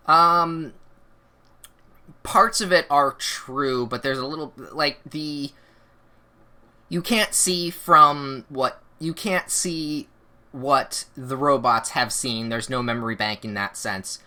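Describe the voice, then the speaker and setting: Slow, hesitant game master. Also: medium pitch, bright, forceful tone. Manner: hesitant, filler-heavy narration. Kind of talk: narrating a tabletop game.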